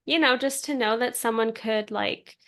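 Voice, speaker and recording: A young woman co-hosting a podcast in casual chat, animated, laughing mid-sentence and posing hypotheticals. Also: fairly high pitch, normal speed. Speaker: podcast co-host.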